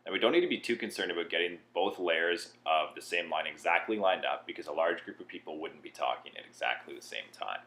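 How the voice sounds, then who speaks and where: In a low voice, a man walks through a software tutorial step by step, keeping it informal as though guiding a beginner.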